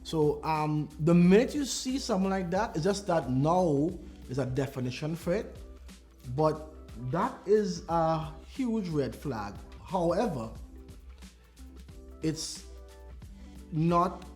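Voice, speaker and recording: Man, podcast co-host, casual chat, animated, laughing, slightly high voice. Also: takes it slowly, long pauses, faint music behind. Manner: animated, laughing, retells stories with acted voices.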